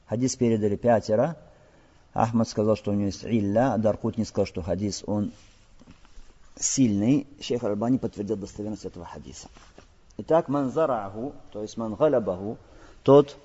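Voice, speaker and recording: A man from Crimea lectures on religious law, explaining texts, reciting passages in Arabic, and checking in with his listeners through rhetorical questions. His voice is low and dark. The dull lo-fi audio carries long hall reverb.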